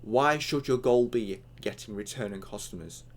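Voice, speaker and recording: A man's voice: on the low side, moderate pace. A young man with hiccups giving a casual, rambling online tutorial, full of fillers and acted-out chat lines.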